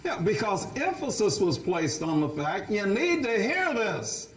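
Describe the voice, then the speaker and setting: A man's voice: sits high, sing-song, measured pace, roomy sound, low-quality recording. A man preaching a Bible study sermon, often asking his listeners questions and repeating words as he restarts.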